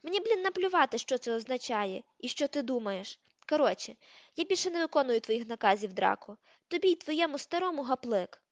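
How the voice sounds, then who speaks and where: A woman's voice: sits high, very animated, brisk, dry recording, lo-fi sound. Crabbe, a woman voicing a coarse hulking teen bully. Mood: furious. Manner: coarse, slangy, shouting. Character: crude hulking teenage boy bully.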